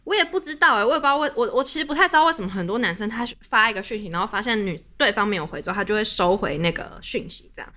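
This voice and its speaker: A young woman with a Taiwanese Mandarin accent tells a story quickly and vividly. Her pitch swings widely, and her voice is bright and forceful. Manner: animated, chatty storytelling. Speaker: podcast host. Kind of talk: casual storytelling chat.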